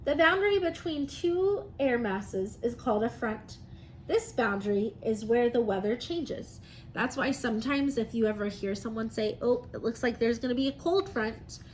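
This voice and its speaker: On a low-quality recording marked by noticeable background noise, a woman with a slightly high voice reads aloud. She teaches young children science through simple, encouraging explanations.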